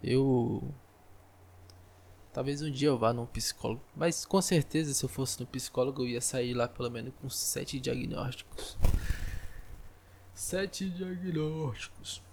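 A man's voice: medium pitch, steady tone, normal speed, vocal fry, darkish tone, slight background noise. A man with a Brazilian accent, hosting a solo podcast and ranting in a profane, exasperated way into a close microphone. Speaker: podcast host.

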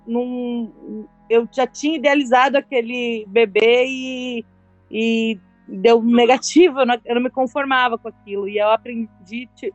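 A woman thinks back over a hard time in an interview and speaks in a measured way. Her voice is a little higher than average and is recorded dry and close, with faint music underneath. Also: dry recording. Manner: reflective, measured. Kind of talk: reflective personal testimony.

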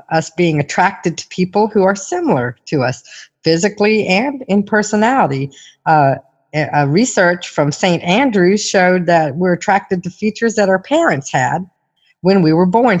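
A woman's voice: on the low side, in a large hall, dull audio. A woman host chatting casually, explaining things in a conversational way. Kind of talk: casual chat explaining studies.

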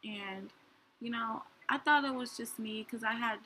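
A woman's voice: a little high, unhurried, sharp tone, slight background noise, low-quality recording. A young woman hosting a show, telling her own story candidly in a rambling way with many fillers. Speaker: podcast host. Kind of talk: personal storytelling.

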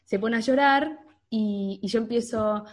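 A woman's voice: a little high, unhurried. A woman with a Rioplatense accent chatting casually, telling anecdotes and acting out quotes. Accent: Rioplatense Spanish. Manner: animated storyteller, acts out quotes. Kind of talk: casual chat.

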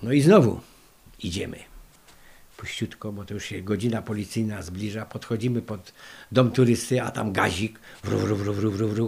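An older Polish man, interviewed for an oral history, tells lively stories full of fillers. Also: mid-range voice. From Poland. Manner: lively anecdotal storytelling with many fillers. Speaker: interviewee recalling the past.

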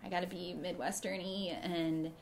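A woman's voice: lowish voice, fairly even intonation, moderate pace, vocal fry, a little hiss or hum. A woman, a podcast guest speaking in casual chat, earnest and reflective, often restarting her sentences.

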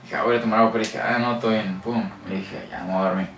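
A young man with a Mexican accent telling a scary story in casual chat and acting out shouts and sound effects. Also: lowish voice, fairly even intonation, fast talker, faint music behind. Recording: echoey room, mic at a distance, faint noise.

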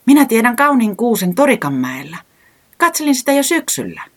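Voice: medium pitch, big pitch swings, pitched above the performer's own voice, close to an everyday voice. A narrator putting on a fretful little weather-man. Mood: cheerful. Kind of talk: children's storybook reading.

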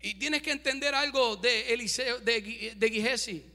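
High bright-voiced pastor preaching hard, echoey hall. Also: male voice, fairly even intonation, normal speed. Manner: emphatic, calls out to the congregation. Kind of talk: sermon. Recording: reverberant hall.

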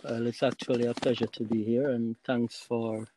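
A man from Jamaica, a podcast guest on a call line, talking about himself in a halting way with many fillers and restarts. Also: mid-range voice, little pitch movement, warm tone, slight background noise. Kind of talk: casual interview talk.

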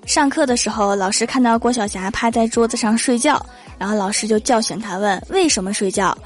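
Comedy host: young woman, fairly high voice, punchy delivery, soft music underneath. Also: fairly quick. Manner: lively, punchy, joking. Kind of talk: comedic storytelling monologue.

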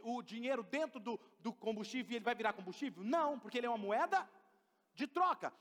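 A man's voice: extremely high pitch, fairly bright tone, long reverb tail. A man preaching a sermon as pastor, emphatic and questioning the congregation. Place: church.

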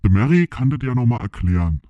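A man's voice: medium pitch, very animated, fast, no echo, close to an everyday voice. A man voicing Schnuffel, a cheeky male show mascot, with a Berlin accent and a brash, drawling, teasing manner. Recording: dull, lo-fi sound.

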